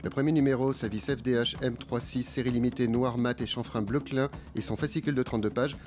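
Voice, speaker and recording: Man as a fast, grandiose collectibles-ad announcer. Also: mid-range voice, fairly even intonation, a little mellow, faint music behind, lightly acted. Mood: grand promotion. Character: grandiose male announcer for collectible-series advert. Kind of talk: mock radio advert.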